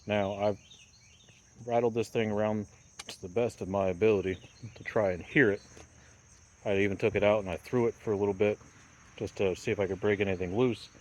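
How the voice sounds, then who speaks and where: A man in his thirties giving a casual, halting how-to vlog outdoors in a backyard, often pausing and correcting himself. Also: on the low side, fairly even intonation, darkish tone. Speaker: javelin repairer presenting a video. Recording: clear outdoor noise, insects and ambience.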